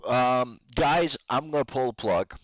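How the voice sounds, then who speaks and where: Here a trading podcast host, medium-pitched and unhurried, riffs on the markets live in loose slang, talking to listeners as "guys." His voice is strained to the point of failing. No room sound is audible.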